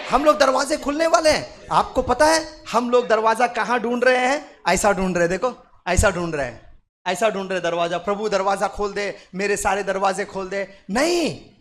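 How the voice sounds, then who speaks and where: A man preaching a sermon at a night prayer meeting, repeating phrases and swinging from quiet murmurs to loud shouts as he calls out to the congregation. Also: high voice. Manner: repetitive, call-and-response with the congregation. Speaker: pastor. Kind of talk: Hindi sermon.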